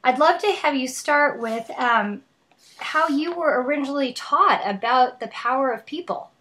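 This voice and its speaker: A woman hosts an interview and greets her guest with lively praise. Her voice sits fairly high. She sounds eager as she puts her questions. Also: moderate pace. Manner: enthusiastic, full of praise. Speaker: show host.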